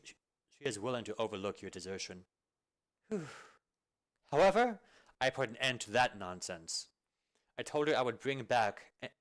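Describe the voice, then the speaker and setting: A man voicing a strict female deputy commander who speaks with slow, clipped, menacing calm. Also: mid-range voice, natural voice. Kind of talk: amateur video game fan dub.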